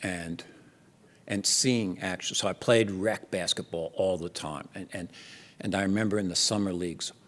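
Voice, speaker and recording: Deep-voiced and fairly bright in tone, an older man speaks at normal speed while giving a conference keynote. He comes from Jersey City, New Jersey, and has the accent to match, talking with animation, conversationally, and restarting frequently. Long hall reverb fills the large lecture hall.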